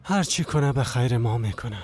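A man playing a calm, wise old father. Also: mid-range voice, close to an everyday voice. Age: older. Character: calm, devout older father giving counsel. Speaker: dubbing actor. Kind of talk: dubbed TV drama.

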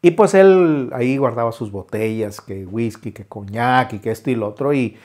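A man, a musician telling his own life story in a halting way, with many restarts and filler words. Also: medium pitch, darkish tone. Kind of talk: personal storytelling.

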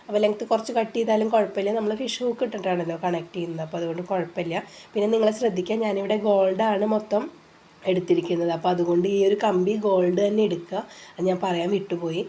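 A woman with a blocked, congested voice from a cold talks viewers through a craft tutorial at a quick clip. She explains patiently and chattily, with frequent filler sounds. Her voice sits low and mellow, with soft rain behind her. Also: slight background noise. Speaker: craft channel host. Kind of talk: casual step-by-step craft tutorial. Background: rain outside.

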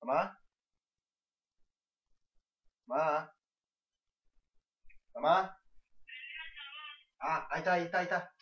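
A man's voice: fairly high pitch, a little slow, a bit bright. A young man with an Argentine accent telling a casual anecdote in a profane, exasperated rant. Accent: Argentine Spanish. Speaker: vlogger. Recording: dull lo-fi, distant mic.

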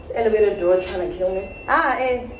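A woman in her twenties vlogging casually to a phone camera in a hotel room, chatty and animated, with bursts of excitement. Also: mid-range voice, fairly quick, slight background noise, poor audio. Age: 20s. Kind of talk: casual vlog chat to camera. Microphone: phone camera at arm's length.

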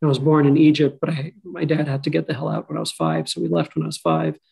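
Talking fast with flat delivery, this author, who grew up in Qatar, joins a panel discussion by video call from home, thoughtful and self-deprecating. His slightly high voice is gravelly, husky and darkish, and the webcam recording is low quality.

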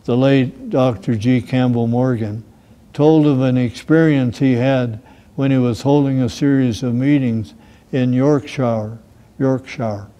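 Older American pastor, slow measured sermon delivery, mellow low-key tone. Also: male voice, fairly even intonation. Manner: slow, measured reading of scripture and verse. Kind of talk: sermon with scripture reading and prayer. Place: small church room with plants behind.

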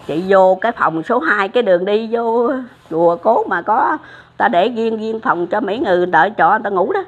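An older woman tells stories in a lively, chatty way, acting out the dialogue. She speaks in a mid-range voice and calls the listener by fond names. The recording is muffled and lo-fi. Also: mid-range voice, a little fast. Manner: animated, acts out dialogue, addresses listener affectionately. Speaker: storyteller of religious experiences. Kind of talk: casual spoken storytelling.

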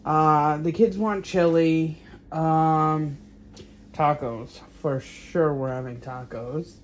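A woman chats her way slowly and loosely through a home vlog, rambling and thinking aloud with little pauses and fillers. She talks in an easygoing, unhurried way, like a mom chatting to her viewers from the kitchen. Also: low-pitched, fairly even intonation, dull audio, a little hiss or hum. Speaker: mom vlogger. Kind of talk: casual grocery haul chat.

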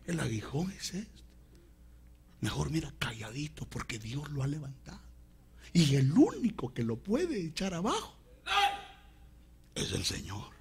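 A man preaching a sermon, calling his listeners brother and swinging between shouts and whispers. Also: on the high side, huge pitch swings, a little slow, long pauses. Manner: addresses listeners as hermano.

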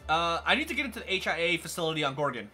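A man's voice: fairly high pitch, very animated, rapid-fire, sharp tone, faint music behind. A man casually commenting on a video game as he plays, thinking aloud and easily amused. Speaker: gaming channel host. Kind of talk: casual let's play commentary.

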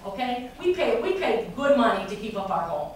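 A woman speaking as a resident at public comment complains to the city council, restarting repeatedly as she gets more heated. Her fairly high voice is very animated at a normal speed. The large wood-paneled chamber is captured from afar by a camera on the podium mic, so it sounds echoey and noisy.

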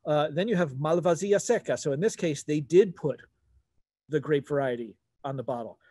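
Higher-voiced man explaining wine casually. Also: moderate pace, warm tone, no echo, clean studio sound. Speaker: wine webinar presenter. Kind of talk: casual explanatory wine talk, decoding labels. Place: outdoors at a garden table.

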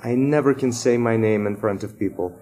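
A man's voice: mid-range voice, warm tone, voice pushed up, lightly acted. A man voicing a shy, anxious schoolboy in a children's story. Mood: nervous. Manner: strained, halting.

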